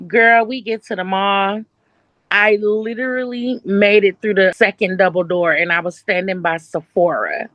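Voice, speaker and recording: A woman from Northeast Ohio, a guest telling stories in a casual interview and acting out voices with big jumps in pitch. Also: fairly bright tone, dry recording.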